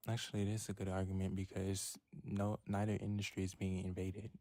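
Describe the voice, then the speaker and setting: Very low, flat, quiet-spoken debater. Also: a little fast, no echo. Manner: quiet, near-whispered talk. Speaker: debate participant. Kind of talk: online voice-chat debate.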